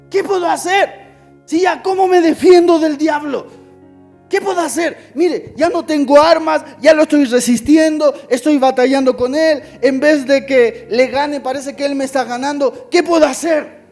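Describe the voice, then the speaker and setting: A man acting out a worn-down church member who whines and begs in a thin, strained, very high voice, pleading for answers. The plea is part of a live sermon, with faint music behind. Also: unhurried. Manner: whining, desperate pleading.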